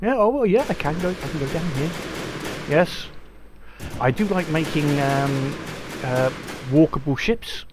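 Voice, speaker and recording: A man talks through a naval battle game in a loose, rambling way, often pausing with ums and restarting his sentences. His voice sits a little higher than most men's, and a faint hum of noise lies under it. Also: animated. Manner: chatty, hesitant with many ums and restarts. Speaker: gameplay commentator. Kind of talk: casual let's-play commentary.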